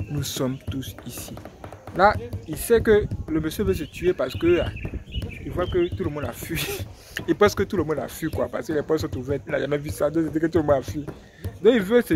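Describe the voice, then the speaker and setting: A young man teaching from the Bible, retelling a story in a lively sermon with exclamations and repeated phrases. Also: a little high, noisy background.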